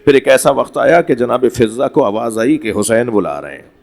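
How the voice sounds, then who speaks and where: A male cleric delivering a mourning sermon at a religious gathering, impassioned and rising to shouted lament. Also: medium pitch, big pitch swings, vocal fry. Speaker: Shia cleric giving a majlis. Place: mosque hall at a gathering.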